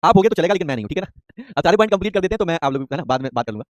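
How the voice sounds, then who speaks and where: A man with a fairly high voice delivers a chemistry lesson at breakneck speed. He repeats terms again and again and keeps firing quick questions at his students. The sound is dry and close, with no room echo. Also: animated. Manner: rapid, repetitive, quizzing students with call-and-response questions. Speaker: chemistry teacher. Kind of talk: live online class lecture.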